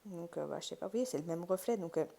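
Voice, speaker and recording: A woman's voice: on the low side, quick pace, gravelly, warm tone. A woman hosting a crafts channel, casually talking through an unboxing and thinking aloud with many fillers and restarts.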